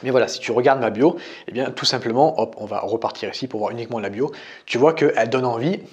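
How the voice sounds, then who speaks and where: A young French dating coach talks quickly at a medium pitch in a casual screen-recorded tutorial, addressing the listener as "tu" and constantly saying "tu vois" and "euh." The recording sounds muffled.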